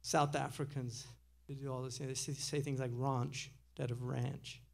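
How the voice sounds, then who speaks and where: Gravelly-voiced man giving a lecture. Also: mid-range voice, flat delivery, a little fast. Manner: conversational, digressive, chuckles as he talks. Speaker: speaker giving a public lecture. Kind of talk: casual lecture. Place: lecture hall.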